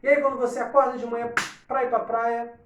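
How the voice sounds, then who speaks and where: A man's voice: extremely high pitch, little pitch movement, brisk, background noise. A man teaching an English lesson to Portuguese speakers, explaining step by step and often checking in with his students. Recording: echoey room, distant from mic.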